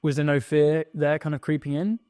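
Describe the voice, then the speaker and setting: A man's voice: fairly high pitch, steady tone, a little fast, darkish tone, no echo, studio quality. A man hosting a podcast interview, eagerly throwing in short follow-up questions. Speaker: podcast host. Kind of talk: conversational interview.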